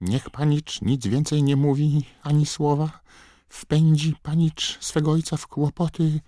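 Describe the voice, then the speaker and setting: A man's voice: on the high side, steady tone, measured pace, warm tone, dry recording, clean studio sound, pitched above the performer's own voice, close to an everyday voice. A man voicing a frantic, devoted female house-elf servant who squawks in broken grammar. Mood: pleading.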